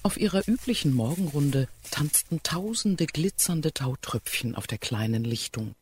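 A man narrating a children's fairy tale in an expressive, animated way. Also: fairly high pitch, normal speed, background noise. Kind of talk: scripted storybook narration.

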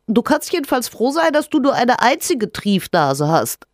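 A woman doing a squeaky little cold creature. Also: very animated, normal speed, no room sound, clean studio sound. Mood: cheerful. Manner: very high squeaky bright voice. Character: tiny giggly cold creature, male, cheerful. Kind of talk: storybook reading.

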